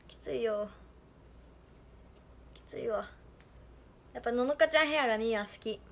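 A woman's voice: on the high side, moderate pace, creaky. A playful young woman with a Hakata accent chatting casually on a livestream as an idol and reading viewer comments aloud. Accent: Hakata dialect.

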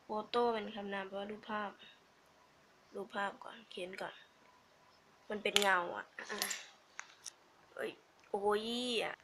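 A woman's voice: a little high, bright, forceful tone. A young woman with a Thai accent, chatting casually and giggling as she teaches English vocabulary on her channel.

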